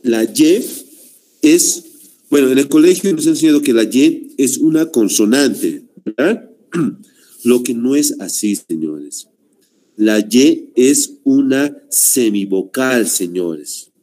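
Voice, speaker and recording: In an online language class, a man lectures slowly and expressively, stressing and repeating his points and calling his students "señores." His voice is medium-pitched and warm.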